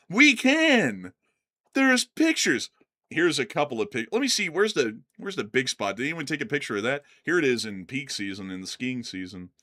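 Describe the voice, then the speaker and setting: A man hosts a casual livestream in a bright, forceful voice. His pitch swings widely as he jokes and chats with lively, animated delivery. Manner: animated, jokey. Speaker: live stream host.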